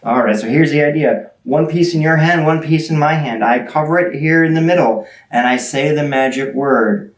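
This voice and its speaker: A woman's voice: low voice, normal speed, hardly any pauses. A woman performing as a kids party magician, playfully teasing and coaxing children with questions in show patter. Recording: roomy, echoing sound.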